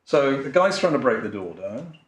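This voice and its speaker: English guy arguing a case in court, lots of ums and sorry forgive me, mid-pitched, echoey room. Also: very animated, normal speed. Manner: hesitant, with frequent ums, restarts and apologies. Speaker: barrister addressing appeal judges. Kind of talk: courtroom legal submission. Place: large courtroom. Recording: roomy courtroom audio.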